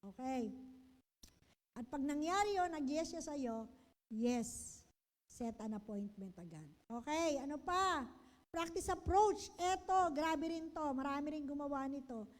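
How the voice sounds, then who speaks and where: Filipino lady giving a business seminar, high voice, big echoey hall, keeps asking "right?". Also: measured pace. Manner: lively, keeps asking the audience "di ba?" and "okay?". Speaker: business trainer. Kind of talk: seminar lecture. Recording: long hall reverb.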